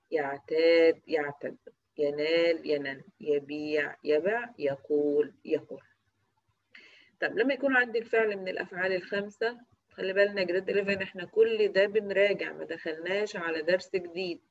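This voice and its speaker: A teacher with an Egyptian Arabic accent leads a grammar review lesson. They pose quick quiz questions, answer them, and repeat example words slowly, one by one. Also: medium pitch, dry recording. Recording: dry, slightly dull recording.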